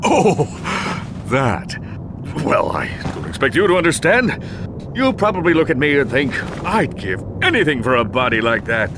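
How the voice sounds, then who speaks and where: An actor playing a vain, cowardly superhero captain in a video game cutscene, bombastic, theatrical and full of himself. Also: male voice, mid-range voice, wildly swooping pitch, normal speed, noisy background. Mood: smug, breezy. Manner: pompous, theatrical, self-adoring.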